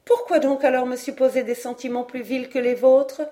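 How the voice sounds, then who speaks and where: A woman reading an audiobook, voicing a lively, teasing young woman with a playful, laughing manner. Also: high voice, moderate pace, voice pushed up, close to an everyday voice.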